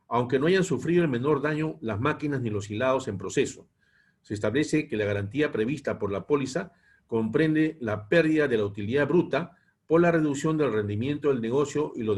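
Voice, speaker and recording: Husky man reading a lecture aloud. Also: mid-range voice. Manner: measured, reads long technical passages steadily. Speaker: instructor. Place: online class.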